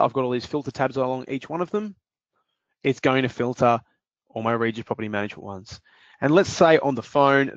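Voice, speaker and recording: Explaining every step of a software demo over screen share, this man keeps a steady delivery with occasional fillers. He speaks at a medium pitch, and the dry recording sounds muffled.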